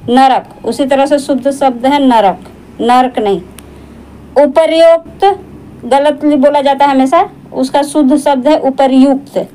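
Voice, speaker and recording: A woman teacher giving an exam-prep spelling lesson, repeating each word slowly to correct common mistakes. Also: high voice, dark tone, rough recording.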